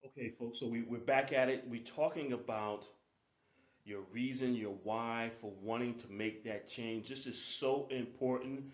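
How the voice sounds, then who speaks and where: A man's voice: mid-range voice, fairly even intonation, measured pace. Emphatic male life coach, roomy sound. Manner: emphatic, repetitive, informal. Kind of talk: motivational webinar lecture. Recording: roomy, dull lo-fi audio.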